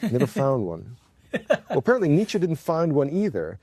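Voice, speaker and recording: A man giving a university philosophy lecture, expressive and wry, chuckling mid-sentence and dropping low and slow for emphasis. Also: husky, no room sound.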